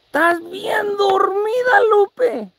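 A man's voice: extremely high pitch, very slow, vocal fry. A Mexican man live-streaming a vlog in casual chat, teasing and swearing freely. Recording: noisy live-stream audio.

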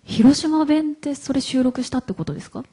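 A woman from Hiroshima hosting a live stage interview, chatty and quick to laugh, with plenty of fillers. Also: sits high, dark tone. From Hiroshima, Japan. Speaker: event MC and interviewer. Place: event hall stage.

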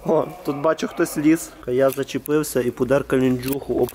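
A man's voice: mid-range voice, fairly even intonation, brisk, noisy background. A man filming a casual vlog as he explores a large abandoned concrete hall, chatting to a friend as he goes. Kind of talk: casual handheld vlog narration.

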